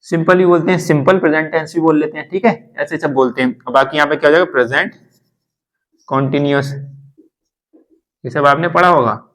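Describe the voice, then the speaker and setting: A man's voice: on the high side, fairly quick, long pauses, fairly bright tone, low-quality recording. A man teaching English grammar in a classroom lesson, repeating terms and reassuring learners. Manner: repetitive, reassuring explanations.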